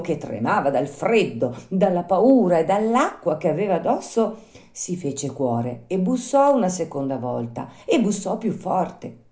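A woman reading a children's story aloud, with expressive, lively storytelling. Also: low-pitched. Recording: roomy echo.

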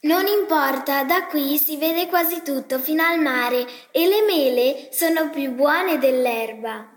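A woman's voice: high voice, a little slow, echoey room, slight background noise, voice pushed up. A woman voicing a stubborn, dreamy young female sheep in a storybook reading, with a determined manner.

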